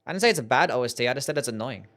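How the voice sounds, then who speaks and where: A man's voice: mid-range voice, expressive, very fast, fairly bright tone. A young Australian man streaming a game, chatting sarcastically with chat and swearing often. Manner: sarcastic, swears a lot, reads chat aloud. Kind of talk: casual gaming stream chat.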